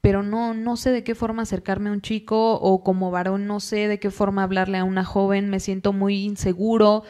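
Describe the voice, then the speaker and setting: Guest psychologist, woman, patient explanatory delivery, mid pitch. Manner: calm, explanatory, acts out parents and children in quick quoted asides. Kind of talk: podcast interview.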